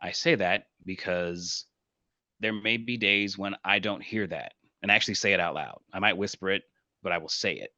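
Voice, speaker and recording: A man speaking as a podcast guest, earnest and reflective, often repeating affirmations softly. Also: deep voice, normal speed, dry recording. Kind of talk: casual podcast conversation.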